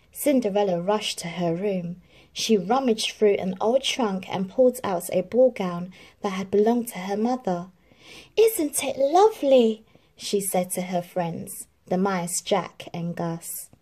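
Reading a children's tale aloud, this storybook reader uses her medium-pitched voice in a deliberate, expressive narrating style.

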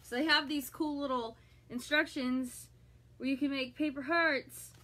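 A woman's voice: high voice, steady tone, unhurried, pushed and bright, a little hiss or hum. A middle-aged woman chatting with viewers as she unboxes a subscription box, enthusiastic and reacting aloud. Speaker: vlogger reviewing a subscription box. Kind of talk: live unboxing chat with viewers.

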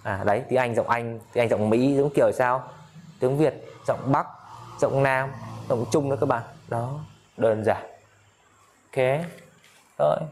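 A man's voice: mid-range voice, a little mellow. Man teaching in a chatty drilling style. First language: Vietnamese. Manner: repeats phrases slowly for drilling, addresses listeners often. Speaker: English teacher. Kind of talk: casual spoken lesson.

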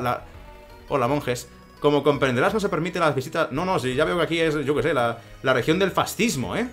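A man's voice: a little high, fairly bright tone. A man with a Spain Spanish accent doing gameplay commentary in a sarcastic, swearing, ranting manner. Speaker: let's play commentator.

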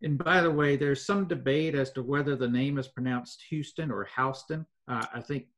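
An older man, telling local history in an interview at an even pace with many fillers. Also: medium pitch. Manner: measured storytelling with frequent fillers. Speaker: foundation president, guest.

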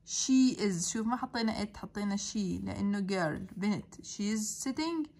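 Woman teacher, Levantine accent, worksheet tutorial voice-over, measured unhurried dictation. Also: medium pitch, animated, a little mellow. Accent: Levantine Arabic. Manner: slow careful dictation in English, quick asides in Arabic. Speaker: English teacher. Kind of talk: tutorial lesson.

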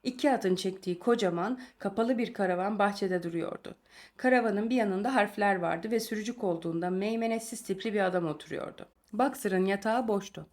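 A woman reads a novel chapter aloud at an even, middle pitch. Her delivery is calm and measured, the steady pacing of an audiobook narrator.

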